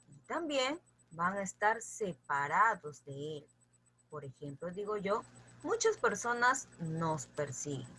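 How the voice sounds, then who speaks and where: Slow, lively-pitched woman teacher. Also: husky. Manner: patient, addresses students directly with frequent check-ins; repeats lists slowly for memorizing. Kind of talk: grammar lesson explanation.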